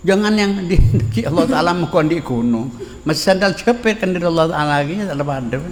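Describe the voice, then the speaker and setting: A man's voice: a little high, animated, brisk. A man preaching, telling a story, repeating phrases and quoting Arabic, recorded in a reverberant hall with faint background noise. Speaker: Islamic preacher. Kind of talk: sermon on a classical text.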